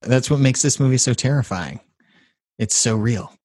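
A man's voice: medium pitch, normal speed, darkish tone, no echo, clean studio sound. A man co-hosting a podcast, playfully recapping a film in casual chat. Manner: playful, recaps plot with jokes. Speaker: podcast co-host. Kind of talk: casual movie-review chat.

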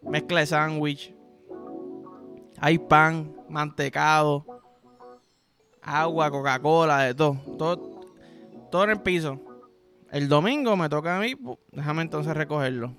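Young Puerto Rican male podcast host, crude comic rambler, higher pitch, sharp bright tone. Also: a little slow, pauses often, soft background music. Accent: Puerto Rican Spanish. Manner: vulgar, rambling, animated storytelling with sound effects. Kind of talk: crude comedic monologue.

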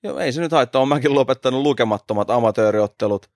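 A man, a fighter, co-hosting a casual podcast, opinionated and relaxed, dropping in English phrases. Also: mid-range voice, no echo, studio quality. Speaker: podcast co-host and MMA fighter.

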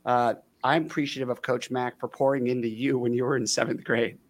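A man hosting a podcast, speaking earnestly and effusively with slow, emphatic stresses as he closes an interview. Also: mid-range voice, flat delivery. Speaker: podcast host. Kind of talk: warm podcast interview wrap-up.

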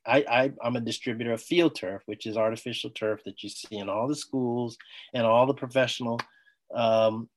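In a conversational interview, a man who used to be an Olympic athlete enthusiastically recounts his story as a podcast guest. He talks in bursts and performs the quoted lines, his mid-range voice a bit bright.

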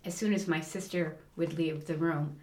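A woman's voice: deep voice, moderate pace, reverberant. A middle-aged woman co-hosting a podcast, chatting casually and acting out the people in her stories. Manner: animated storyteller, acts out voices in anecdotes. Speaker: podcast co-host. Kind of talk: casual chat.

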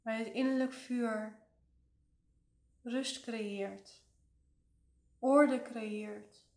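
A woman leading a guided relaxation meditation in a soothing, gentle way, leaving long pauses. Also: fairly high pitch. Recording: roomy, echoing voice recording.

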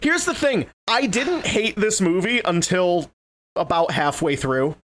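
A man's voice: sits high, lively intonation, a little slow, fairly bright tone. A man in casual chat, giving blunt, mocking commentary on a film. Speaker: podcast co-host.

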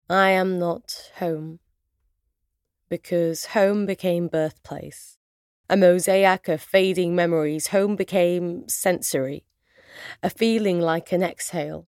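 Reciting spoken word poetry, this woman has a British accent and Arabic as her native tongue, delivering deliberate, measured lines with pauses. Her voice sits on the low side, a little mellow and smooth. The recording is dry and of studio quality.

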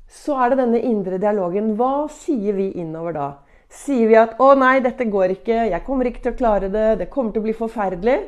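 A woman's voice: on the high side, dark tone. Upbeat motivational woman speaker. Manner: upbeat, coaching, rhetorical "ikke sant" asides. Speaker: podcast host and motivational speaker. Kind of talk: motivational podcast monologue.

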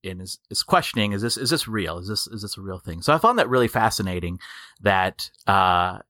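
A male interviewer with a fairly low, bright voice in a dry recording. He asks questions casually and haltingly, often repeating words as he goes. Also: lively intonation, dry recording.

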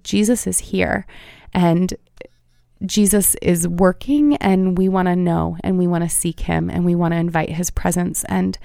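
A woman's voice: on the low side, vocal fry, a little mellow, clear, resonant tone, no echo, studio quality. A woman in her thirties, a pediatric feeding therapist, talking in an earnest, heartfelt way with frequent fillers in a conversational interview.

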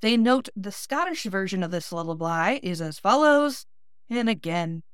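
A woman's voice: medium pitch, lively intonation, normal speed, fairly bright tone, clear, resonant tone, no room sound, clean studio sound. A woman podcast host with a Northeast Ohio accent, reading scripted history narration with small self-deprecating asides. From Midwestern United States.

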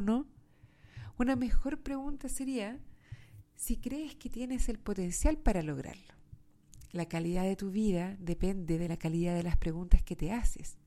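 A woman's voice: mid-range voice, mellow. A woman with a nasal voice, stuffed up from allergies, giving a reflective motivational monologue and addressing the listener directly. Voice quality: nasal, congested voice. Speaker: host of a self-help podcast.

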